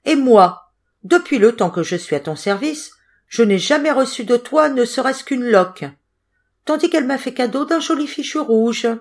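Storybook servant woman, bitter, loud indignant voice, put on by a woman. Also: on the high side, lively intonation, normal speed, pitched above the performer's own voice.

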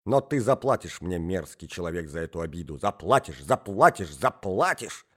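A man's voice: sits low, very animated, normal speed, fairly bright tone, slightly rough, voice pushed down, exaggerated voice. A man reading an audiobook, voicing a domineering provincial lady who scolds and shrieks in fury. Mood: furious.

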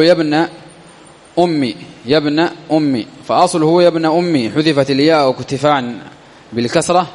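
A man teaching a classical grammar lesson, slowly, often repeating key phrases for his students. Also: a little high. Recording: long echoey reverb.

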